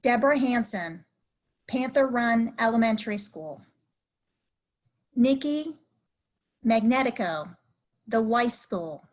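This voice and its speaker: A woman presents an award at a ceremony, reading prepared remarks in an upbeat way. Her voice sits a little high. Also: poor audio.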